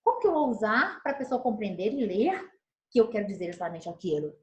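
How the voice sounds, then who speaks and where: A woman's voice: medium pitch, fast talker, reverberant, low-quality recording. A woman teacher, giving a recorded video lesson and gesturing as she explains. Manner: animated, gestures while explaining; acts out tones of voice as examples. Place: room, recording alone.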